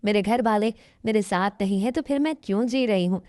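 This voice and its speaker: A woman voicing a helpless young second wife who speaks softly and pleads. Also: mid-range voice, fairly quick, no echo, studio quality, lightly acted. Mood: pleading. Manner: soft, pleading.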